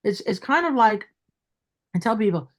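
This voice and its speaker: A woman's voice: medium pitch, animated, normal speed. Emphatic woman with a Brooklyn accent. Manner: emphatic, repeats herself for stress. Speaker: dentist guest. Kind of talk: interview.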